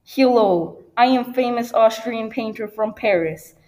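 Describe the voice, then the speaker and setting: A man's voice: measured pace, darkish tone, in a large hall, poor audio. A man voicing a timid little male painter who speaks in broken grammar. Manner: high put-on voice with broken grammar.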